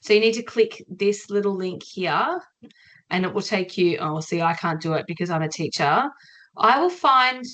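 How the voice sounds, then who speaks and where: A woman's voice: mid-range voice, animated, normal speed, a bit bright. An Australian woman lecturer running an online orientation session in a chatty, informal way over a video call. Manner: chatty, friendly, loose and informal.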